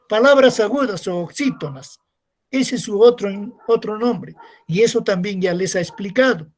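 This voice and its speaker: A male secondary school teacher giving a recorded class, explaining step by step and asking rhetorical questions to his students. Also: high-pitched.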